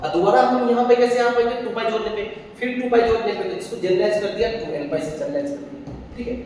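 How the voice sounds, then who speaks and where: Echoey teacher talking through maths steps. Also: male voice, very high voice, fast talker, darkish tone. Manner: explains step by step, asking and answering his own questions. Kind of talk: whiteboard maths lesson. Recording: echoey room, far from the mic, faint noise.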